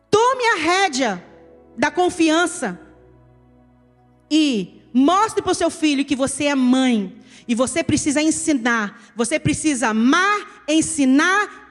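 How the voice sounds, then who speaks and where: High-voiced Brazilian woman pastor preaching. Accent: Brazilian Portuguese. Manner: emphatic, addresses listeners as "querido". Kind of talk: sermon. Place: church hall. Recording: reverberant church hall with soft music.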